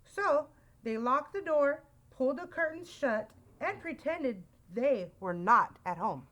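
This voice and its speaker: Slow, lively storytime woman. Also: high voice. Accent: Texan. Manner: expressive, dramatic storybook reading. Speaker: children's librarian reading aloud. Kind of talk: storytime read-aloud with character voices.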